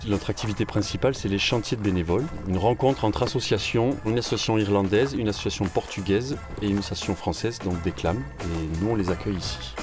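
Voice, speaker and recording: A man with a fairly low voice explains volunteer work projects fluently, with a scattering of fillers. Music plays clearly behind him. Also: fast, few pauses. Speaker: association organizer. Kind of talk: explanatory interview talk.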